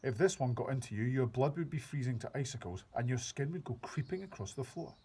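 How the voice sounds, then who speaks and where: A man reading aloud, voicing an excitable big friendly old male giant who mangles his grammar and invents words. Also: mid-range voice, a little fast, husky. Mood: grumbling. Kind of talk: reading a children's book aloud.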